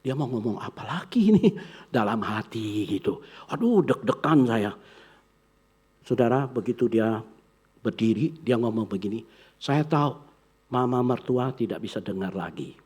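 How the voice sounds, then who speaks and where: A male pastor preaches through a story, jumping up in pitch to act out each person in it. His voice is husky and sits at an ordinary middle pitch. He tells it casually, as though talking to his congregation. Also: normal speed, pauses often. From Indonesia. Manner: animated storyteller, acting out quoted voices with big pitch jumps. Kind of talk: sermon with storytelling.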